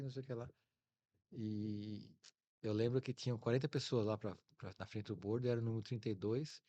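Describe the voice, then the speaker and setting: Speaking with a Brazilian Portuguese accent, a middle-aged man chats casually as an interview guest, voicing bits of dialogue in his stories. His voice sits on the low side and sounds mellow.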